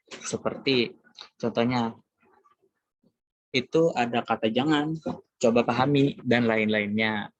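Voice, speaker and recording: A young Indonesian man gives a class presentation, speaking casually to classmates in a mid-range voice with many hesitant fillers. There is no room sound.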